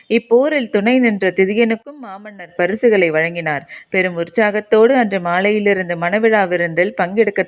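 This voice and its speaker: Woman reading an old-time epic audiobook, steady formal delivery, mid pitch. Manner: measured, formal literary reading. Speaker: audiobook narrator. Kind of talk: storybook narration.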